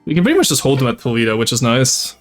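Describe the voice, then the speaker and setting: A male game streamer gives casual live commentary in a medium-pitched voice. He thinks aloud as he plans and speaks to his chat. Music plays behind his voice. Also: sing-song, very fast. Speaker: streamer, VTuber.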